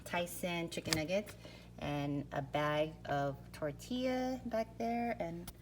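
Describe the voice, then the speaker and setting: A woman's voice: on the low side, slow pace, heavy background noise. A woman vlogger casually showing her fridge, pantry and garage freezer, slightly out of breath after a workout and filling her talk with "like" and "um.". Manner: chatty, lots of fillers like "like" and "um". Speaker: family vlogger. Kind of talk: casual home tour narration. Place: home kitchen, pantry and garage.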